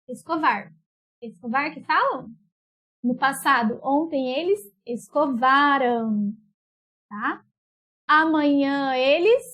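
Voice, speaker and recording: High-voiced patient woman teacher. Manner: patient, drawn-out words, checks in with "tá?". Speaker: school teacher. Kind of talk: remote class explanation.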